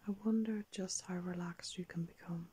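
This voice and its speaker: An older woman narrating a guided meditation like a sleep story, in a soft, breathy whisper, calm and unhurried with long pauses. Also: fairly low pitch. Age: older, around 60s. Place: small indoor room.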